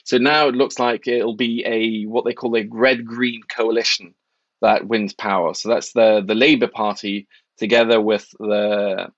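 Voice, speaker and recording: A man from Norway who covers markets, speaking in a wry, measured, articulate way as an interview guest. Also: fairly low pitch, steady tone, dry recording, highs cut off. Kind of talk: conversational interview.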